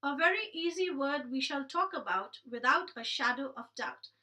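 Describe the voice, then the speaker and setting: Reciting comic rhyming verse, a woman with a high, sharply bright voice plays it theatrical and mock-indignant, leaning hard on each rhyme. She is expressive, keeps a normal speed, and was recorded from a distance.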